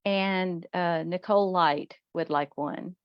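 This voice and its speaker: A woman's voice: lowish voice, slow, clean tone, dry recording. A woman host on a video call relays audience requests in a brief, matter-of-fact way. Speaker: podcast host. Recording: dull, lo-fi video call audio.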